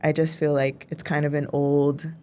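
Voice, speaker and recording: A woman's voice: sits low, little pitch movement, moderate pace, mellow, a little hiss or hum. A young woman in her twenties from the Chicago suburbs, co-hosting a casual chat and filling her talk with "like". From Chicago suburbs, United States. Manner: chatty, heavy use of filler "like". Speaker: co-host.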